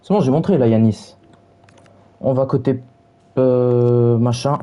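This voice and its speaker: A man's voice: mid-range voice, measured pace, highs cut off. A young man streaming, reviewing match stats while mockingly taunting his chat in brash slang.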